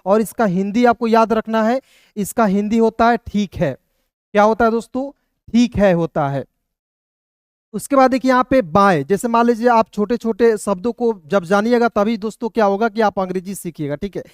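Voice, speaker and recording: A man teaching a video lesson, explaining patiently step by step, often asking his viewers a quick question and then answering it himself. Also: sits high, clean tone, dry recording, studio quality. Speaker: English teacher.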